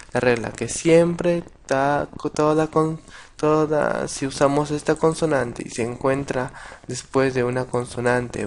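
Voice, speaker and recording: A man teaching a casual video lesson, patient and halting, with many restarts and repeated words. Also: mid-range voice, a little hiss or hum. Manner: patient, addresses viewers directly. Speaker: language teacher.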